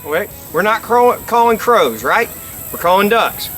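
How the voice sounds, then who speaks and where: Outdoors by a lake, a middle-aged man with a notably high, slightly bright voice presents a practical how-to lesson for a game call company. He speaks at a moderate pace with lively intonation, explaining each step and restating key points for emphasis, while soft music plays in the background.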